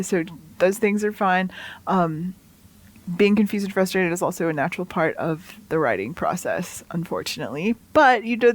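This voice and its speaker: A woman college writing instructor explaining course policies to students in a relaxed, reassuring way with many fillers. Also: lowish voice, no echo. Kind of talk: casual course orientation talk.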